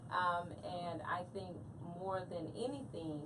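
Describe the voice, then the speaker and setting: Woman, late forties, hoarse and raspy, casual interview guest, off-mic with clear background noise. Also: on the low side, takes it slowly, distant mic. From Houston, Texas, USA. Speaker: radio show guest, hairstylist.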